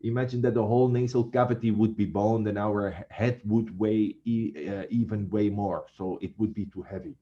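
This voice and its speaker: Chatty teacher guy, lowish voice, muffled lo-fi sound. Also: fairly even intonation, normal speed, few pauses. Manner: chatty, addresses students as guys. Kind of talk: classroom lecture.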